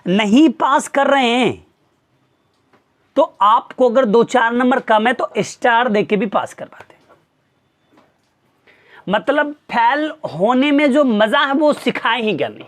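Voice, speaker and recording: A man's voice: very high-pitched, fairly bright tone. A man, a teacher, earnestly lecturing his students with pointed rhetorical questions. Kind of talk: motivational talk to students.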